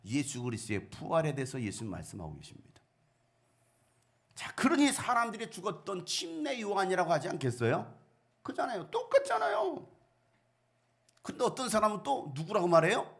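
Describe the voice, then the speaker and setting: A man's voice: high-pitched, fairly quick, vocal fry. A middle-aged man preaching a sermon as pastor, asking the congregation questions and acting out the voices in the story. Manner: animated, acts out quoted voices, asks the congregation questions.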